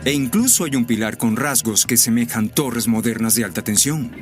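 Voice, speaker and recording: Lively man explaining over music. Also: medium pitch, moderate pace. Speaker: documentary commentator. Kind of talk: explanatory documentary commentary. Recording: clear music behind the voice.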